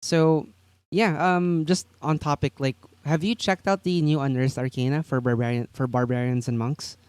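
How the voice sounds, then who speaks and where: Easygoing young male host from the Philippines, smooth voice, dry close sound. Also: mid-range voice, fairly even intonation, normal speed, darkish tone, dry recording. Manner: easygoing, explains at length, many fillers. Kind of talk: casual chat about tabletop games.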